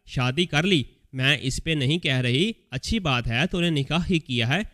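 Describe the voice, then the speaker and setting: A man reading a scripted story aloud as a voice-over, telling it in the first person as an elderly mother in a steady storytelling manner. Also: fairly high pitch. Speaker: story narrator. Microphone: voice-over recording.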